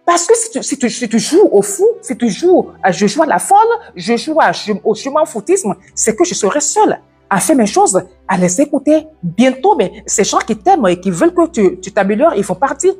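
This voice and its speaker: A woman with an African French accent giving a fast, loud, energetic devotional talk and swallowing some of her words. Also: on the high side, slightly rough, soft background music.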